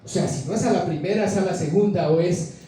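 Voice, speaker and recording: A Colombian man preaches in a storytelling way, acting out the voices in the scripture. His voice sits high but sounds dark and soft. It rings through an echoey church hall, picked up from a distance. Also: quick pace, a little hiss or hum. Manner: storytelling, acting out quoted dialogue. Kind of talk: sermon. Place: church sanctuary. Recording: echoey church hall, speaker away from mic.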